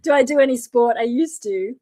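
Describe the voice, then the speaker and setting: A slightly high, mellow female voice, a little fast, belongs to a tired streamer who sings metal and whose voice has worn to fry. She casually chats about screaming, explaining loosely with many fillers. Harsh, unvoiced scream demonstrations break up her talk.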